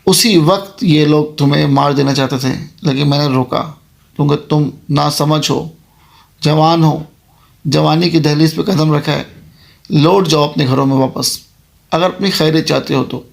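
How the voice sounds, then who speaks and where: A man's voice: fairly high pitch, steady tone, normal speed, gravelly. A man voicing the female ghost of a haunted mansion, speaking in a solemn, warning tone as part of a told horror story.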